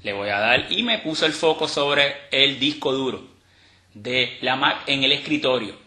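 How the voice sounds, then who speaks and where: Male instructor, relaxed and explanatory, very bright tone, roomy echo. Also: medium pitch, a little slow. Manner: relaxed, explanatory, with frequent fillers and restarts. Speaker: instructor demonstrating a screen reader. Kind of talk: step-by-step tutorial podcast.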